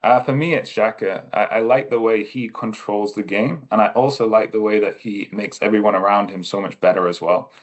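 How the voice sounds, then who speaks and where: Low-voiced English man chatting as a guest. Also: fairly even intonation, a little fast, hardly any pauses, muffled recording. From England. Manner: thoughtful, with frequent fillers and restarts. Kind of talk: casual interview chat.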